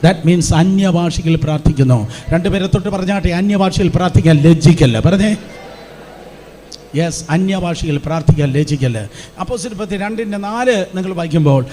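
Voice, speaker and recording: A man's voice: sits high, brisk, dark tone. A man pastor preaching a fervent Pentecostal sermon in a church, urging the congregation to repeat lines aloud. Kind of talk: Pentecostal sermon with call-and-response. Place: church hall before a congregation.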